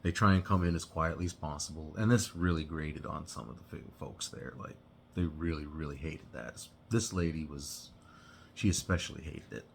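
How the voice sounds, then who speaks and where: A man casually telling a personal story, halting and rambling with many restarts and "you know"s. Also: a bass voice, gravelly, slight background noise.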